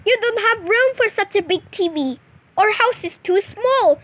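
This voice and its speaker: A woman's voice: very high voice, expressive, unhurried, fairly bright tone. A woman narrating a toy play story, voicing the characters herself with playful, sing-song sound effects.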